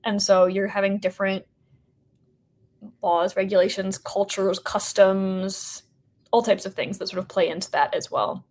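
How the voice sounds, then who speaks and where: Her mid-range voice a little slow and mellow with fairly even intonation, this American company representative chats informally as a podcast guest. She hedges a lot, filling her speech with "like" and "sort of."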